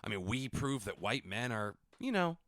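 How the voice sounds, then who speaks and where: A man co-hosting a comedy podcast, teasing his partner in a deadpan way. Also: mid-range voice, normal speed, no room sound, studio quality. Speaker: podcast co-host. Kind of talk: casual comedy chat.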